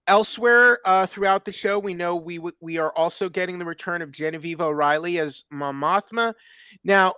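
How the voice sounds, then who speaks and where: Man, high voice, smooth tone, dry sound, casual show chat, halting with lots of fillers. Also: pushed and bright, no echo. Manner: hesitant, many fillers and restarts. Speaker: watch party co-host. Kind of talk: casual pop-culture chat.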